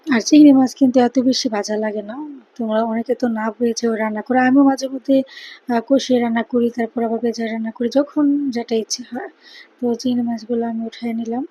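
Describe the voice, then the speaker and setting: A tired mother with a Bangladeshi Bengali accent speaks in a hushed cooking vlog voice-over, keeping quiet so she won't wake her sleeping child. Her voice sits fairly high but sounds husky and dark. She talks in a flat, even line with little rise and fall. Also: fast, highs cut off. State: tired after a sleepless night.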